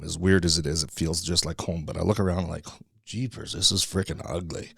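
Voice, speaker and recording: Gravelly low guy from alberta, laid back guest, dry room sound. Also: no room sound. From Alberta, Canada. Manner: joking, easygoing. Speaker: podcast guest. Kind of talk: casual interview chat.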